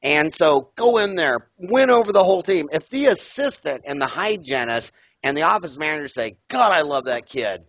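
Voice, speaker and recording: An older man and dentist, talking loudly and emphatically, telling stories in an animated interview over a headset mic on a video call. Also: on the high side, moderate pace, no echo. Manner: loud, emphatic, storytelling. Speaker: dentist and podcast guest. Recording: dull, lo-fi call audio.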